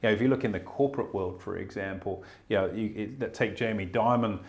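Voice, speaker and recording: A man's voice: on the low side, fairly quick. A man hosting a casual talk show, speaking earnestly and often restarting his sentences. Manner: earnest, self-correcting, stammers on restarts. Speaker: host. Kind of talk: casual podcast chat about investing.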